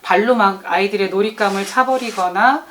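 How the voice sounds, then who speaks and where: Gentle woman teacher advising mothers. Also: mid-range voice, a little fast, a little hiss or hum. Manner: gentle, addresses mothers directly, acts out children's and teachers' lines. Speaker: early childhood teacher. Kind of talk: parenting advice talk.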